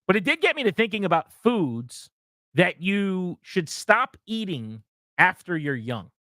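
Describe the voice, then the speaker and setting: Sports radio guy with strong takes, kinda high voice, dry studio sound. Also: very animated, unhurried, sharp tone, dry recording. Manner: opinionated, talks straight to listeners. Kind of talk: sports talk radio commentary.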